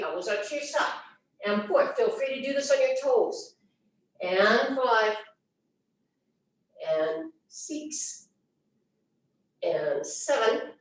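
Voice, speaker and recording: A woman leading a Pilates class at home, talking her class through each move and counting reps in a casual, encouraging way. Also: fairly high pitch. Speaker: Pilates instructor. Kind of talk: guided workout instruction. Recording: echoey room, voice from far off.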